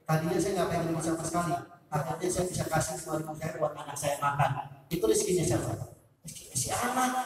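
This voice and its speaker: A man giving an informal religious talk to students, chatty and full of rhetorical questions to the crowd. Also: sits high. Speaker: Islamic speaker at a school talk. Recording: echoey hall, voice picked up from a distance.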